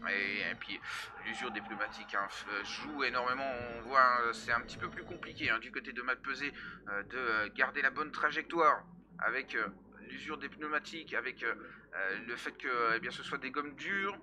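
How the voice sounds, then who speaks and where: A man doing live motorsport commentary on a sim race, with clear noise behind him. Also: mid-range voice, normal speed. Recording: clearly noisy background.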